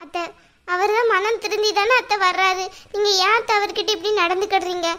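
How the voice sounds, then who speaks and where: A woman's voice: extremely high pitch, steady tone, a little fast, sharp tone. A woman voicing a kind young sister-in-law who reasons and reassures in a cartoon. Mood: reasoning. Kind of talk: cartoon voice acting.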